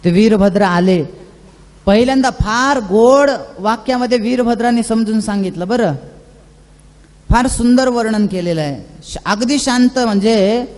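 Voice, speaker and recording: In a reverberant hall, a man with a high-pitched, darkish voice gives a chatty devotional scripture discourse at a slightly slow pace. As a religious storyteller, he acts out dialogue and chants verses.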